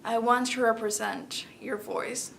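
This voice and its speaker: On a noisy recording, a young woman with a Salvadoran Spanish accent speaks a little slowly in a high-ish, gravelly, somewhat bright voice with fairly even intonation. As a student election candidate in an interview, she pitches her campaign earnestly, using non-native phrasing.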